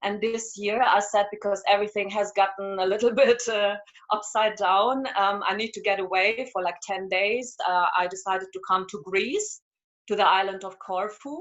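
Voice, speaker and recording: Hungary-born woman in her 40s, earnest, halting, on headphones, dull call sound. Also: medium pitch, fairly even intonation, a bit bright. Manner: earnest, moved, hesitant with fillers. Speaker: community member. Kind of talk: casual chat on a video call. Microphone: headphones on a video call.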